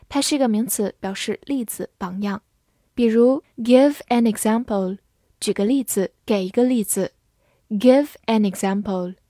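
A woman teaching English vocabulary, spelling each word letter by letter and reading example sentences slowly for practice. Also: a little high, a little mellow, no room sound, studio quality. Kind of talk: vocabulary lesson.

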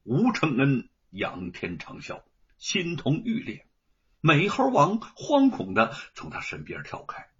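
A male storyteller narrates dramatically in a very husky voice. His pitch swings widely, and it sits a little high. The recording is dull and lo-fi. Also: huge pitch swings, slow.

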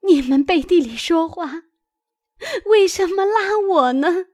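A woman's voice: very high-pitched, animated, takes it slowly, darkish tone, pitched above the performer's own voice, heavily acted. A woman voicing a wronged young maid who cries out through her tears. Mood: sobbing. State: crying.

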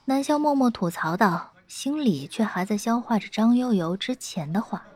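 A woman narrating a web novel in a steady, lightly playful storytelling tone. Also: fairly high pitch, moderate pace. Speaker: audiobook narrator.

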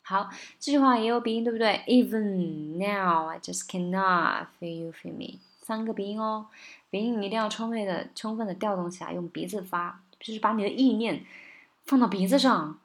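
A woman giving a casual spoken lesson on singing and pronunciation, patient and coaxing, often checking in with listeners and slowing down to model English words. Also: mid-range voice. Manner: slows down to model English words, sometimes sings lines.

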